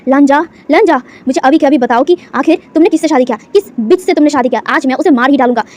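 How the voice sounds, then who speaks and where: A woman voicing a possessive, jealous young fiancée in a fan-fiction story reading, shrill and stammering as she repeats her words. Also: fast talker, darkish tone, close to an everyday voice. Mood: shrieking, jealous. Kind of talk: storytelling with acted dialogue.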